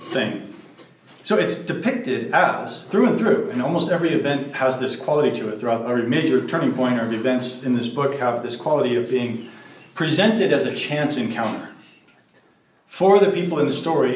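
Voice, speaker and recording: Man preaching in a roomy church. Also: medium pitch. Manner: conversational, thinking aloud with fillers and restarts. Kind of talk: sermon teaching. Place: church hall. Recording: roomy, from a distance.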